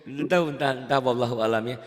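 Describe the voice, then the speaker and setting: A man's voice: medium pitch, steady tone, fast, big-room sound. A man with a Javanese accent teaching Quran reading in an online lesson, chatting and drilling syllables. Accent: Javanese Indonesian. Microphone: online call.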